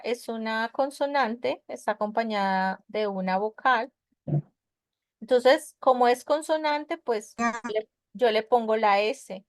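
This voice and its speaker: A woman whose voice is on the high side teaches English grammar in an online web conference class, recorded in clean studio sound with no room sound. Patient by nature, she goes step by step and checks with her students through many questions.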